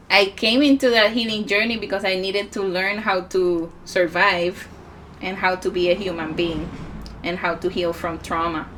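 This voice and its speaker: Slow-spoken Puerto Rican woman, bright tone. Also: mid-range voice, slight background noise. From Puerto Rico. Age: 40s. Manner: unhurried, reflective, with many pauses and fillers. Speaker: musician and healer speaking at a conference. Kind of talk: conference talk.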